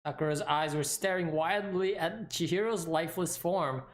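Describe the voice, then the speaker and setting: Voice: medium pitch, moderate pace. A let's player reacting casually and profanely to a game and reading its narration aloud. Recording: roomy echo, faint game music behind.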